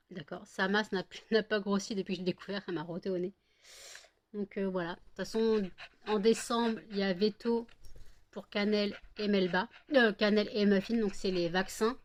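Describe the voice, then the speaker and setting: A woman's voice: mid-range voice, darkish tone. A middle-aged woman at home, chatting to camera between bouts of cooing baby talk to her dogs, rambling with plenty of fillers. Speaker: vlogger and home candle maker.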